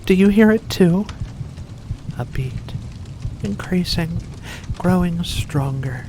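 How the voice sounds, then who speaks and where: In an ASMR roleplay aimed at the listener, a woman voices an ancient, predatory vampire with furry paws, speaking very slowly in a lowish register. Her delivery is silky, genteel and animated, seductive and faux-kindly, piling coaxing endearments over a hungry relish for her prey. Soft ambient noise hums behind her.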